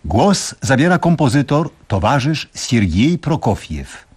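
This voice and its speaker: A husky, formal meeting chairman. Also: medium pitch, very animated, a little slow, darkish tone. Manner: formal, announcing. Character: dry male meeting chairman announcing speakers. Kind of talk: radio drama acting.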